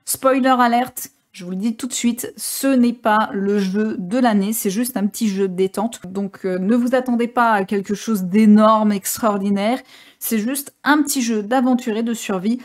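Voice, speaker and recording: Chatty woman streamer, slightly high. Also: moderate pace. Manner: chatty and joking, many hesitations. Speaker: gaming streamer. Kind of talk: casual gameplay commentary.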